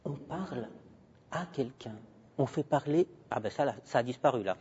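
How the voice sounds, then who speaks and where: Expressive and darkish, his husky mid-range voice moves at normal speed. He's a guest lecturer at a university with a handheld microphone, emphatic and wandering, talking loosely with the audience. The capture is dull and lo-fi under long hall reverb.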